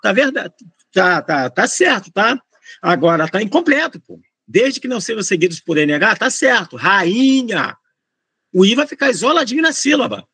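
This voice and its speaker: A high-voiced Brazilian man with a gravelly, husky edge, swinging his pitch up and down as he works through grammar questions. He speaks in a Brazilian Portuguese accent, in a loose, slangy teaching style full of asides to the class. The sound is dry and close. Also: moderate pace, dry recording. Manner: slangy, lively, rambling, addresses students as gente. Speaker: Portuguese tutor for exam candidates. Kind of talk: informal grammar lesson.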